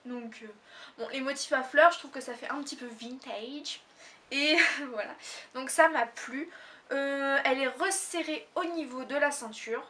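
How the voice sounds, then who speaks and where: A teenage girl from Réunion talks through a clothing haul in a high voice, full of fillers and quick self-corrections. She sits a bit back from the microphone, so her voice sounds slightly distant. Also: a bit bright. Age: teens. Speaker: fashion haul vlogger. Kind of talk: casual haul video chat.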